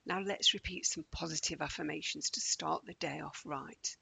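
A man leading a guided morning meditation in a slow, gentle, calming way, often dropping close to a whisper. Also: fairly high pitch, creaky, slight background noise.

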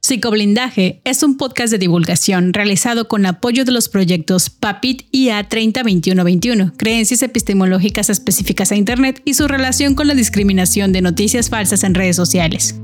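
A woman hosting a podcast, reading a scripted, reflective closing narration in a measured way. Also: mid-range voice. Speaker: podcast host. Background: music.

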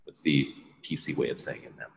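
A man who grew up in Hong Kong, a podcast guest chatting casually and relaxed, laughing often between phrases. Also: rumbling low, a little fast, vocal fry. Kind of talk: casual chat. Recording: roomy with long reverb.

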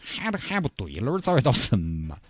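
A man's voice: medium pitch, huge pitch swings, fast talker. A man voicing an exasperated young father with a who grumbles.

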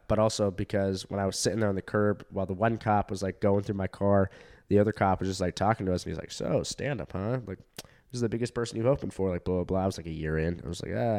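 A stand-up comedian with a lowish voice tells stories in casual chat. He rambles, swears and leans heavily on fillers, acting out quoted voices with animation.

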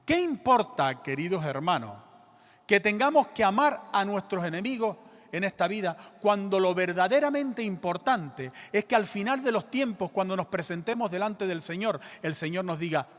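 High, lively preaching man in a church. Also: moderate pace. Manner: emphatic preaching with call-and-response to the congregation. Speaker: pastor. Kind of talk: sermon. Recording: reverberant church hall.

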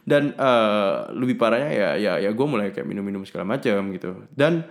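A man's voice: fairly low pitch, lively intonation, fairly quick, creaky. A young man telling a personal story in casual, slangy talk, cursing often and mixing in English words. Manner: swings between loud bursts and mumbled asides.

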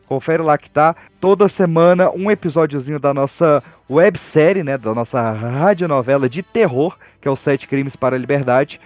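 A man's voice: a little high, a little mellow, no echo. A young man with a Brazilian accent, talking casually and animatedly as a podcast guest, with slangy informal phrasing. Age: young adult.

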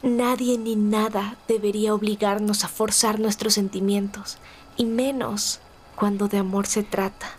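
A woman's voice: medium pitch, flat delivery, a little slow, a little mellow, a little hiss or hum, natural voice. A woman playing a polite, attentive young confidante in a historical audio drama, deferential and a little hesitant. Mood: understanding.

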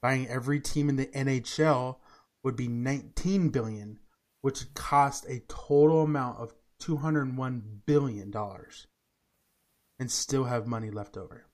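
Casual male podcaster, mid-pitched. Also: a little slow, darkish tone. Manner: informal, repeats himself for emphasis. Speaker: podcast co-host. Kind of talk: casual chat.

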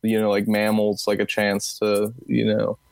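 A man's voice: on the low side, completely flat delivery, unhurried, gravelly, darkish tone, no echo. Rambling young man on a podcast. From Texas. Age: 20s. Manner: rambling, many fillers and restarts. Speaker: podcast guest. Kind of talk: casual podcast chat.

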